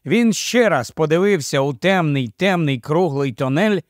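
A man narrating a story as an audiobook in a measured, deliberate way. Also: on the high side, expressive, no echo, studio quality.

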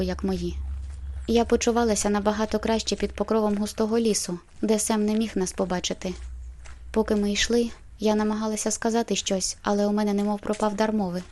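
A woman's voice: medium pitch, a little mellow. A woman narrating a novel in the first person, reading expressively and acting out the heroine's lines. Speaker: audiobook narrator.

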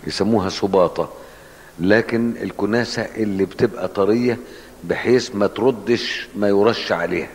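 A man's voice: sits low, slight background noise. A man with an Egyptian Arabic accent teaching hadith in a colloquial, explanatory way and asking his class questions. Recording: long hall reverb.

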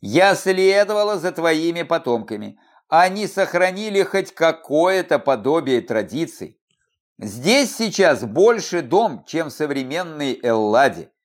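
A man's voice: a little high, very animated, a little slow. A man reading the part of a cheeky, sulky female salamander spirit in a fantasy audiobook.

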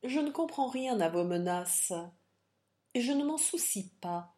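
A woman's voice: fairly high pitch, expressive, measured pace, dark tone, voice pushed up. A woman reading the lines of a proud, indignant young widow countess in an audiobook. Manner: indignant, dignified.

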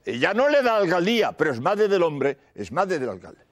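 A man's voice: fairly high pitch, sing-song, fairly quick. A man preaching a sermon, emphatic and repeating key phrases, explaining doctrine with everyday examples. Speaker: priest.

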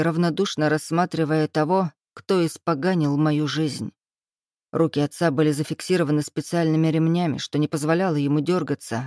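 Restrained first-person audiobook narrator, even mid voice, no room sound. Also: mid-range voice, no echo, studio quality.

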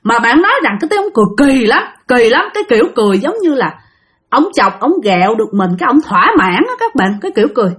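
A woman with a Southern Vietnamese accent tells a spooky story in a chatty, conversational way. She speaks straight to her listeners. Her voice sits fairly high and swings widely up and down. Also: big pitch swings, quick pace, fairly bright tone. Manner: chatty, addresses listeners directly, acts out quotes. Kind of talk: spoken ghost story narration.

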